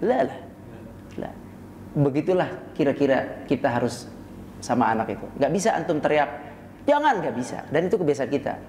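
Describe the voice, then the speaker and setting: An Islamic preacher delivers a casual religious lecture in an office-tower prayer room, speaking briskly and acting out scenes with sudden high-pitched shouts. He leans on frequent rhetorical tag questions. The room is echoey with a long reverb, and a slight hiss or hum can be heard.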